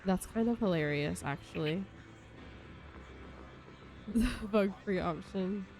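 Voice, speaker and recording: A woman's voice: fairly low pitch, takes it slowly, darkish tone. A young woman, chatting casually and giggling with viewers on a live stream.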